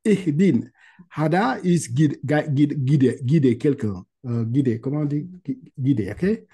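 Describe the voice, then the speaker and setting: The Quran teacher on this video call has a fairly high, mellow voice with a breathy edge and speaks expressively. Step by step, he guides the lesson with frequent "ok?" checks, drawing each Arabic word out slowly for repetition.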